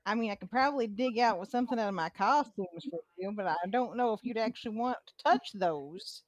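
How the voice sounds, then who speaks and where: A woman playing a tabletop role-playing game, chatting casually and improvising in a halting, amused way. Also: a little high, no echo, lo-fi sound.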